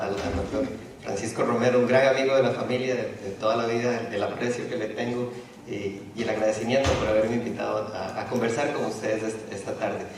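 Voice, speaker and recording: A man's voice: mid-range voice, noisy background. A middle-aged man from Ecuador giving a public lecture in a university auditorium, speaking hesitantly with frequent restarts and fillers. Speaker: speaker presenting a talk. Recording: echoey hall, distant from the mic.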